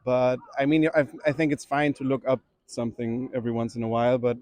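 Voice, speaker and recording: Male interviewee from Germany, mid pitch, reflective casual answers. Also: steady tone, quick pace, a little mellow, no echo. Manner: thoughtful, fillers like "I mean".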